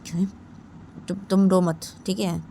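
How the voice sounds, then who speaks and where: A woman's voice: lowish voice, level tone, unhurried, mellow, slight background noise. A woman voicing a protective young man who questions his partner insistently and tells her not to cry. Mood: stern. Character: protective young man, stern then consoling.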